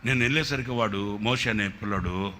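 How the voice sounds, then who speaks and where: A man preaching, telling a comic testimony in an animated storytelling manner with sudden shouted bursts. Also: on the low side, a little fast, a little hiss or hum. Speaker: preacher sharing a ministry testimony.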